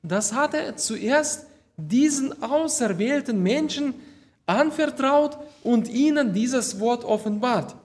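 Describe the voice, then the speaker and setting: A man preaching a sermon, reading Bible verses aloud and explaining them slowly and deliberately, with some hesitations. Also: very high-pitched, expressive.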